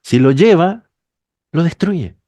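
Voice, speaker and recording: A man preaches to a church congregation, walking them through a scripture passage. His voice is mellow and dark, recorded dry and close, and it swings from low explanation to high, emphatic climaxes. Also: animated, takes it slowly, no echo. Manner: expository preaching, rising to emphatic peaks. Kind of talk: sermon.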